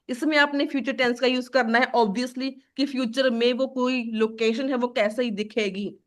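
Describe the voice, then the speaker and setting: A woman teaching an exam-prep lesson, switching between Hindi and English and quizzing her student. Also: a little high. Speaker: IELTS teacher. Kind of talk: live classroom lesson.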